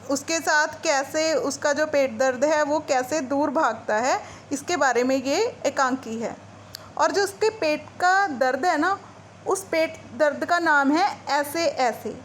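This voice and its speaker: A woman teacher reading a short play aloud and then retelling each part in casual, mixed Hindi and English, with faint noise in the background. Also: high-pitched.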